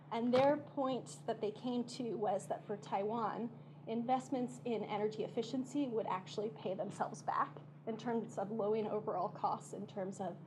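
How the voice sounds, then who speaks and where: Woman discussant, fading hoarse voice, pitched a bit high, noise in the room. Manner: measured, clears her throat now and then. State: losing her voice. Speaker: policy panel discussant. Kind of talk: formal policy commentary. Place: seminar room.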